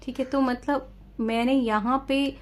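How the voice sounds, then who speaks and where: A woman teacher explaining a lesson step by step, checking in often and reading out definitions slowly. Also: sits high, fairly even intonation. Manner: reads English definitions slowly and carefully. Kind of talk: exam-prep lesson.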